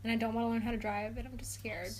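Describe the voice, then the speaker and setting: Soft, hesitant teen woman. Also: a little high, little pitch movement, racing, a little hiss or hum. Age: late teens. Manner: giggly, hesitant, soft-spoken. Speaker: podcast co-host. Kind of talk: casual chat.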